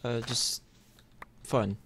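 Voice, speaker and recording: His medium-pitched voice is a bit bright, with fairly even intonation and drawn-out words. The man, a gaming YouTuber, gives laid-back, hesitant commentary as he thinks aloud, over a noisy mic with clicks and typing.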